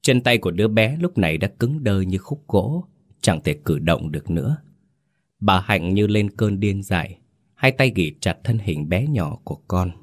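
A man narrates a ghost story in a very low voice, steady and measured. He also greets listeners as the host. The sound is dry and close, with no room echo.

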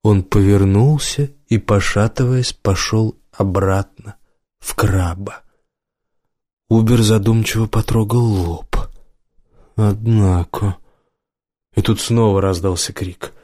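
Low-voiced man narrating an audiobook. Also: a little slow, dark tone, no room sound, studio quality. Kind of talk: scripted narration.

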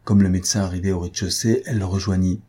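A man reading a classic novel aloud as an audiobook narrator, in an even, measured way. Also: low voice, husky. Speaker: audiobook reader.

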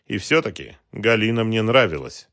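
A man's voice: lowish voice, very animated, moderate pace, vocal fry, a bit bright, no echo, studio quality, pitched above the performer's own voice, heavily acted. A man reading an audiobook voices a cowardly male writer, pleading in panic. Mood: gloomy fearful. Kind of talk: audiobook character voice.

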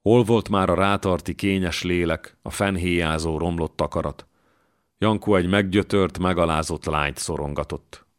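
A man narrates a historical novel as an audiobook in a calm, measured way. His voice is very low and deep, and he keeps an even storytelling pace.

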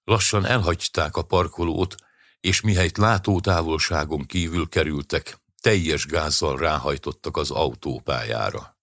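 An audiobook narrator with a deep male voice reads a story from a script. His tone is a bit bright, and the recording is clean studio sound with no room echo.

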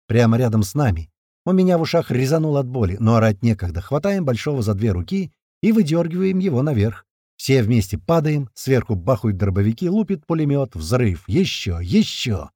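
A man's voice: mid-range voice, very animated, brisk, dark tone, no room sound, studio quality. A man narrating a first-person action audiobook in a terse, punchy, slangy manner.

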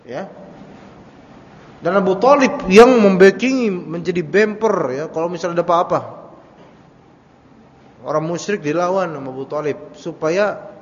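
Male religious teacher, high voice, conversational lecture with rhetorical questions, dull recording with long reverb. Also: moderate pace, pauses often. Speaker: Islamic teacher. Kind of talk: Quran commentary study lecture.

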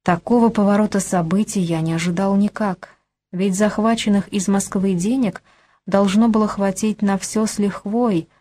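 A woman narrating an audiobook in an even, measured storytelling manner. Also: medium pitch. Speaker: audiobook reader.

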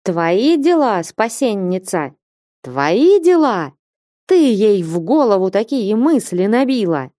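A woman reading the part of a stern, hot-tempered old merchant father who blusters and shouts in anger. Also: mid-range voice, sing-song, takes it slowly, dry recording, clean studio sound. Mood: furious.

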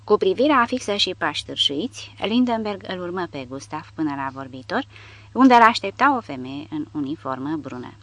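A man narrating an audiobook in a steady, measured reading style. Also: sits high, no echo. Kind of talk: scripted narration.

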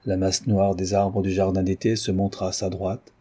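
A man reading a classic novel aloud as an audiobook, in a calm, even way. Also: low voice, moderate pace, husky. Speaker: audiobook narrator. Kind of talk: literary audiobook narration.

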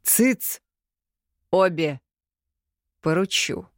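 Reading an audiobook, a woman takes on the role of a domineering, harsh middle-aged father who lays down orders with slow, commanding firmness in a low voice, though her intonation stays lively. The audio is close and dry with no echo.

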